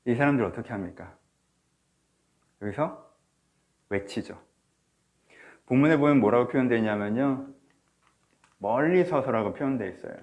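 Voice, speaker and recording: A man preaching a sermon as pastor of a church, animated, swinging from soft asides to loud cries. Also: mid-range voice, moderate pace, pauses often. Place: church or small studio, online service.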